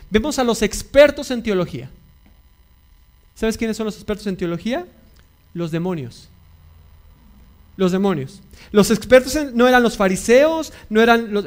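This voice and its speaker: A male pastor preaching a sermon, repeating key phrases and putting questions to his congregation. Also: sits high.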